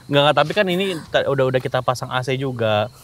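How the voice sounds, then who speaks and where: A man's voice: mid-range voice, animated, fast talker, a loud crowd. A man joking casually as a podcast co-host. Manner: joking, playful. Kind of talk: casual chat. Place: outdoor camping-themed urban forest venue.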